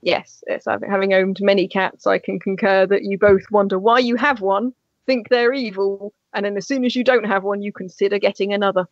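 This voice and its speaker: A woman's voice: mid-range voice, steady tone, a little fast, dry recording. A woman hosting a podcast in casual chat, joking as she moves through her questions. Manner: jokey, leads the questions. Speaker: podcast host. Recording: dull dry recording.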